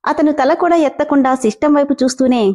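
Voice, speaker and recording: A woman storyteller narrating a scripted story in a steady, expressive reading. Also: sits high, a little fast.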